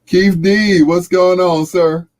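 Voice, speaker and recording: This high-pitched, slightly mellow man speaks in a steady tone and takes his time. He's a middle-aged or older American hosting a livestream, chatting casually and jovially with viewers. He has a folksy habit of drawing out phrases and repeating them.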